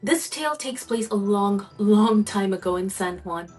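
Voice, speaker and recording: Female storyteller, middle pitch, suspenseful fireside telling, soft music underneath. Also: lively intonation, low-quality recording. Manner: slow, suspenseful storytelling with drawn-out pauses. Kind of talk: spooky folk tale narration.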